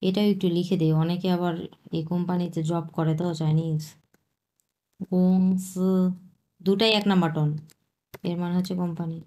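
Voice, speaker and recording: A woman's voice: fairly low pitch, fairly even intonation, darkish tone. Patient woman teaching Chinese. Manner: patient, repeats words slowly and breaks them into tones. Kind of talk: language lesson explaining vocabulary.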